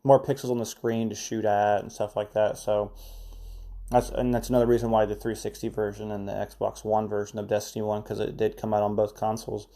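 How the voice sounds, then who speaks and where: Mellow-voiced man rambling through gaming news. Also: on the low side, monotone, fairly quick. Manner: rambling, chatty, filler-heavy news recap. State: coughing, chewing cough drops. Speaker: podcast host. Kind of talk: casual solo podcast chat.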